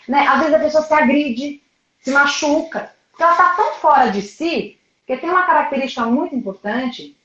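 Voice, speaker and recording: A woman's voice: high voice, a bit bright. A woman explaining as a psychologist guest in an interview, earnest and repeating phrases for emphasis. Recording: roomy, dull sound.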